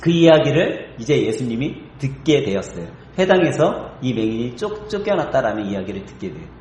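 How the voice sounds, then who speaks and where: A man's voice: mid-range voice, very animated, a little fast, darkish tone, slight background noise. A man preaching an expository sermon as a pastor. He keeps asking the congregation rhetorical questions. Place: church sanctuary. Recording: echoey church hall.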